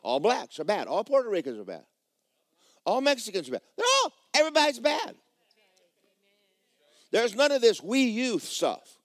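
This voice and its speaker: Lively-voiced preaching pastor, dry close sound. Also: male voice, dry recording. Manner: emphatic preaching with swooping pitch and sudden shouts; slow, drawn-out phrasing, dropping low and quiet at line ends. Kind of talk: sermon. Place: church.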